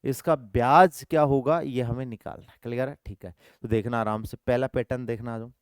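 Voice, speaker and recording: Male math teacher, call-and-response style, repetitive, smooth clear voice, dry close sound. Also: mid-range voice, steady tone, brisk, dry recording. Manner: repetitive call-and-response, puts answers in students' mouths; affectionate coaxing, calls students 'my dear brother'. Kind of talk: online exam-prep math lesson.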